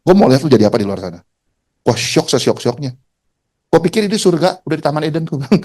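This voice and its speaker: Animated man telling a story in slang. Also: on the high side, fast talker. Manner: colloquial Jakarta slang, animated, mimics voices. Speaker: motivational speaker. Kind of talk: storytelling talk to an audience.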